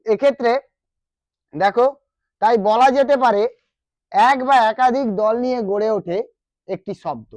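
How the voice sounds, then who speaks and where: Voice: medium pitch, lively intonation, measured pace, long pauses, darkish tone, no room sound. A teacher with a West Bengal accent explains a grammar lesson, repeating key terms and asking the students questions. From West Bengal, India.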